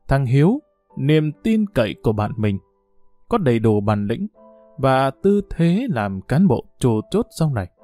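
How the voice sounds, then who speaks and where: Warm, lively male storyteller. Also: mid-range voice, no room sound. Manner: measured, expressive reading that changes voice for quoted speech. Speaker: audiobook narrator. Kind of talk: storytelling narration.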